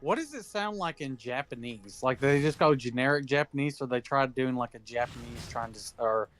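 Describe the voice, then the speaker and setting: A man's voice: medium pitch, a little fast, fairly bright tone. Laid-back swearing guy, laughing often. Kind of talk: casual chat while gaming. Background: game music.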